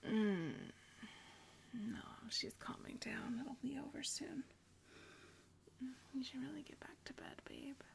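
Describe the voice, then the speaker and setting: Young woman, mostly whispered and intimate, slightly high, gravelly fry, unhurried ASMR delivery. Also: sing-song. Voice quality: mostly whispered, soft and intimate, with gentle hums. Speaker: roleplaying a pregnant wife.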